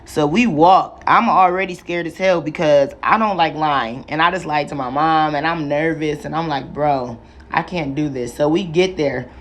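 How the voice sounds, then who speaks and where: A woman's voice: deep voice, moderate pace, hardly any pauses. A young adult woman vlogging a casual, profane storytime, chatty and full of slang. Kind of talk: casual storytime while doing hair.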